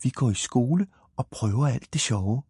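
A man doing an eager, excitable little boy. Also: mid-range voice, husky, no room sound, studio quality. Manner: eager, exclaiming.

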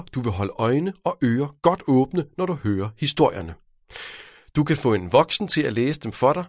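Man reading his own kids' detective audiobook, lively up-and-down voice, dry booth sound. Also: a little high, dry recording. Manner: lively, addressing a child listener. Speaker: author and narrator. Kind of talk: children's audiobook narration.

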